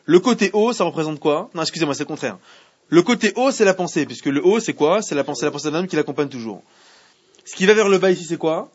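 This fast-talking man has a fairly high, slightly rough voice and an animated delivery. He leads a French-language Torah class with Hebrew readings, often putting questions to students and going back over his points. The classroom audio is muffled and lo-fi.

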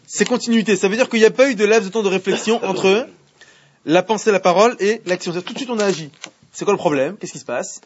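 A man with a high-pitched voice talks fast, and a little hiss or hum can be heard. He's teaching a Torah class in French with Hebrew readings, frequently questioning his students and repeating himself as he explains, captured in a muffled lo-fi classroom recording.

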